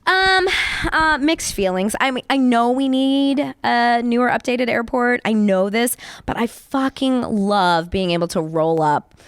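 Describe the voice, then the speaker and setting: A woman's voice: on the high side, expressive, unhurried, clean tone, no echo. Woman, from Colorado, fitness coach, candid and profane, casual interview talk, dry recording. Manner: candid and swears freely. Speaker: fitness coach and gym owner.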